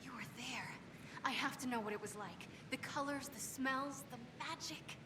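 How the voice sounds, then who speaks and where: A woman's voice: high-pitched, normal speed, lightly acted. Dagna, a woman playing a bubbly dwarf arcanist. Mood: excited. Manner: bubbly, gushing, apologetic rambling. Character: eager young female dwarf arcanist, endlessly curious. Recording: distant game audio with noise.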